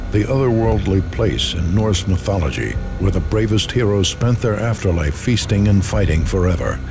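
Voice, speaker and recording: An actor playing a cold, formal reader of a military file in a video game, narrating in a clipped, detached, official way. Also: male voice, sits low. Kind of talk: scripted narration of a classified file. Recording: music behind the voice.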